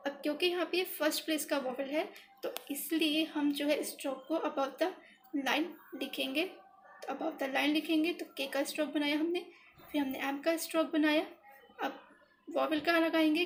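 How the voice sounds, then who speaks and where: A woman teaching shorthand step by step, patient and repetitive, talking aloud as she writes, with English words in an Indian accent. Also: high voice. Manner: repetitive, patient, thinking aloud while writing. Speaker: shorthand tutor. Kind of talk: step-by-step tutorial explanation.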